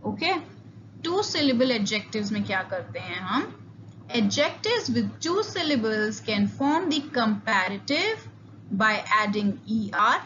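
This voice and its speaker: Slow-spoken woman teaching grammar. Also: on the high side, very animated, a bit bright, lo-fi sound, slight background noise. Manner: mixes Hindi and English, slow and deliberate, spells out letters. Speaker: English teacher. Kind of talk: grammar lecture.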